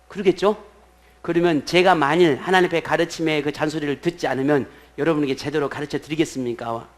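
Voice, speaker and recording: A pastor preaching a sermon in a church. He is animated, swings between loud bursts and soft asides, and keeps asking the congregation questions that he then answers himself. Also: a little high.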